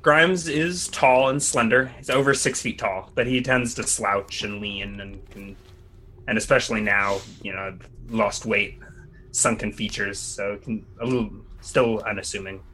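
A man's voice: lowish voice, fairly even intonation, measured pace, bright, forceful tone, a little hiss or hum, poor audio. A man playing a tabletop game, describing a character in a casual, improvised way.

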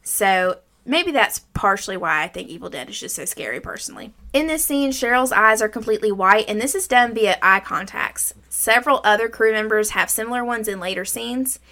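A woman's voice: mid-range voice, a little fast, hardly any pauses, pushed and bright. A woman around her thirties hosting a movie recap, mixing scripted summary with informal, salty chat. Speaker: podcast host.

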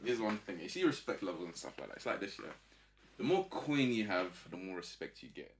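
A man's voice: lowish voice, sing-song, fairly quick. A young man with a London roadman accent, bantering casually in street slang as a podcast guest. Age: young adult. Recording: noticeable background noise.

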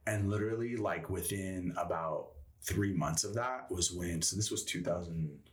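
A man's voice: low voice, normal speed, distant mic. A man in his thirties and a former soldier, telling a rambling, profane story in casual interview talk. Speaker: guest, former Green Beret.

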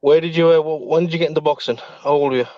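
A man's voice: on the high side, steady tone, racing, dry recording, highs cut off. A man, hosting a podcast in a casual, chatty style. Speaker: podcast host. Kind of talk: casual chat.

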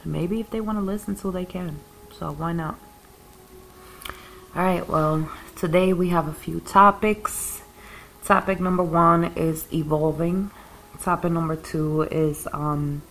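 On her own podcast, a woman with a low, creaky voice rambles and rants about spirituality and growth, occasionally coughing while she smokes. She describes her voice as calming, and the recording quality is low.

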